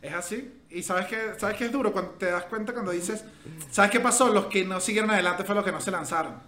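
A man's voice: sits high, a little fast, pushed and bright, roomy sound. A man co-hosting a podcast, teasing and scolding his friend in casual chat, often repeating his words. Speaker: podcast co-host.

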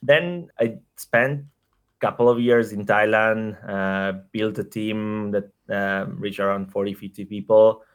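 An Italian man in his thirties, a startup executive appearing as an interview guest, speaks slowly and steadily in a fairly low, clean voice with an Italian accent. In this casual conversation he talks through his career hesitantly, full of fillers, restarts and repeated words.

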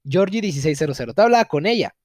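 A man's voice: sits high, animated, racing, a little mellow, no room sound, studio quality. A young man with a Mexican accent tells a viewer's story in a casual, profane, mock-outraged way, with frequent laughter.

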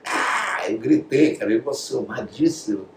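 In a casual interview, a Brazilian man appears as a guest, his mid-range voice moving a little slowly as he tells anecdotes from the studio. He's an animated storyteller who acts out quotes and sometimes drops to a whisper. The room is echoey, the mic sits at a distance, and there's faint noise.

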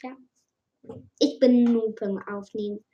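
Slow, high-voiced woman reading aloud. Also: steady tone, dull audio, slight background noise. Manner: slow, with slips and restarts. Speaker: storybook reader. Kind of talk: casual reading of fan fiction aloud.

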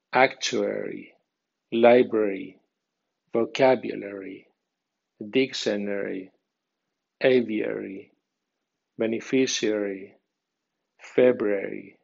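A man teaching English pronunciation in a scripted podcast lesson, reading rules and word lists slowly and deliberately. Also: fairly low pitch, fairly even intonation, vocal fry, a little mellow, highs cut off.

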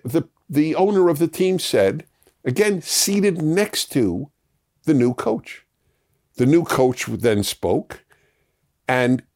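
A man's voice: fairly high pitch, creaky, a little mellow. A man hosting a casual chat with his viewers. He often restarts and repeats words as he digresses. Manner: laughs at himself while explaining. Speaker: host.

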